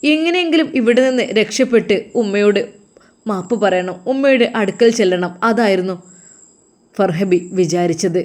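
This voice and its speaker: A woman with a Malabar Malayalam accent, narrating a dramatic story in an expressive way. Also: medium pitch, normal speed.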